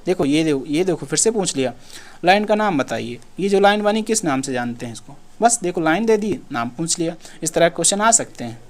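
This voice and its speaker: A man's voice: fairly high pitch, expressive, fairly quick. A man teaching an exam-prep lesson in a casual way, asking questions and answering them himself. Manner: casual, repeats himself, asks and answers his own questions.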